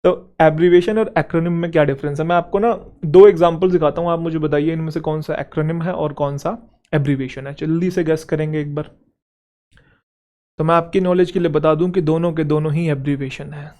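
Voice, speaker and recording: A man teaching English grammar for exam preparation, explaining step by step and checking in with quick rhetorical questions. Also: a little high, steady tone, mellow. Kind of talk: Hindi exam-prep lecture.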